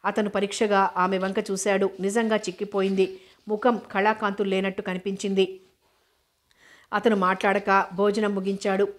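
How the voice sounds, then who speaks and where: Woman narrating a novel in an even tone. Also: medium pitch, moderate pace. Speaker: audiobook narrator. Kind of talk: novel reading.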